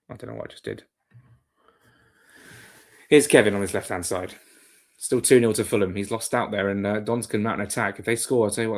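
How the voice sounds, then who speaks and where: A man hosting a live football watchalong, giving chatty, rambling play-by-play with asides to his viewers. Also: fairly low pitch. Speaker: watchalong host. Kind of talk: live match commentary and chat.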